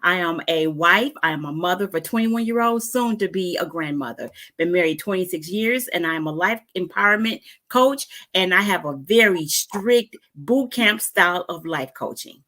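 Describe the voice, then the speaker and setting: A woman's voice: lowish voice, animated, moderate pace, hardly any pauses, sharp tone. A woman of fifty, a life coach, introduces herself confidently and emphatically in a casual chat. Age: 50s. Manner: confident, emphatic, self-assured.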